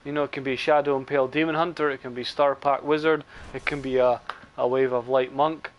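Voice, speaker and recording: A man's voice: mid-range voice, fairly even intonation, fairly quick, lo-fi sound. A man giving rambling, chatty live commentary on his game stream, with dry sarcastic asides.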